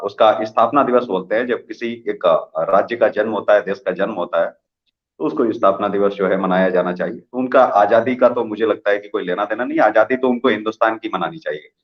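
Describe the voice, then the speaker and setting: A man's voice: lowish voice, reverberant, highs cut off. Argumentative male TV interviewer. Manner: argumentative, long rhetorical questions. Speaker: TV news interviewer. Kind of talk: opinionated live TV interview.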